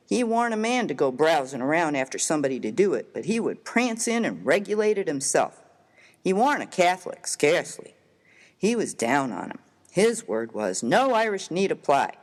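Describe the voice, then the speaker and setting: A high-voiced man performs a dramatised story as a rough but kindly American miner of the Old West. He sounds earnest and boastful, with emphatic, slangy, folksy speech.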